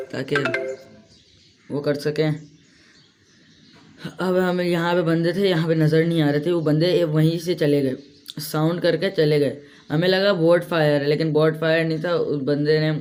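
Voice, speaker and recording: A man's voice: on the high side, a little mellow. A young man giving casual, rambling commentary over his own mobile shooter gameplay, often poking fun at his own mistakes. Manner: chatty, rambling, self-deprecating. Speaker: gaming YouTuber.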